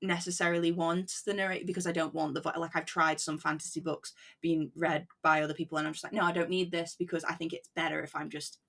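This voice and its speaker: A woman speaking as a guest on a book podcast, chatting in an animated way and laughing often. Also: low-pitched, quick pace, gravelly, few pauses. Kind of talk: casual book chat.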